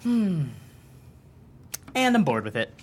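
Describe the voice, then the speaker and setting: An actor playing a gushing, gullible and excitable box-subscription fanatic in a comedy sketch. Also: medium pitch, slow, background noise. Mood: eager. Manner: over-excited, exclamatory. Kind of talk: comedy sketch parody ad dialogue.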